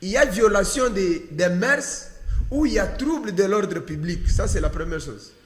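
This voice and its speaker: Answering questions on a political panel, a Congolese-accented man lectures emphatically and throws out rhetorical questions. He has a high voice with lively intonation and speaks at normal speed, in a hall-like space with long, echoing reverb.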